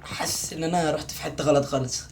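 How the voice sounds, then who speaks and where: A young Egyptian man narrates his own horror game run at a rapid clip, muttering to himself between jumpy, panicky outbursts. His pitch sits in an ordinary middle range. Faint game ambience hums underneath. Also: steady tone, a little mellow, slight background noise. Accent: Egyptian Arabic. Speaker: gaming YouTuber. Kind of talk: horror game playthrough commentary.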